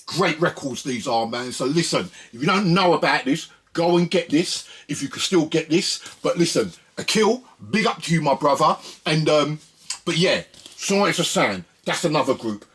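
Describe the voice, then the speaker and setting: A British host of a music video channel chats casually with viewers about records, rambling and colloquial, tossing in frequent tag questions. His voice is fairly high and a bit bright, slightly rough, with lively intonation at a normal speed.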